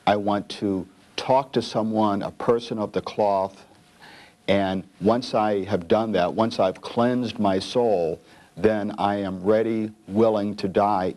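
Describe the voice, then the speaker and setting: A man speaking as a calm hostage negotiator, explaining in a measured way in an interview. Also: fairly low pitch. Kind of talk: interview commentary.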